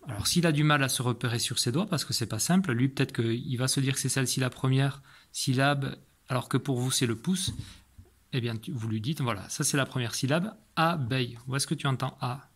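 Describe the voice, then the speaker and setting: A man's voice: medium pitch, a little fast, breathy edge. Patient male teacher explaining homework. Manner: patient, explanatory, many fillers and restarts. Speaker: primary school teacher. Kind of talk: recorded homework explanation for parents. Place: classroom.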